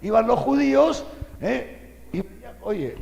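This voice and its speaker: Older male preacher from Peru, lively folksy catechesis, high and gravelly, in a reverberant hall. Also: slow. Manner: animated, folksy preaching with many rhetorical asides to listeners. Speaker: bishop giving catechesis. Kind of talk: sermon.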